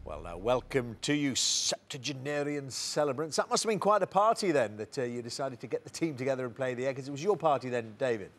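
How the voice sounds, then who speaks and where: A man hosting a television quiz show in a studio, briskly reading out questions and answer options. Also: mid-range voice, expressive, fairly bright tone, a little hiss or hum.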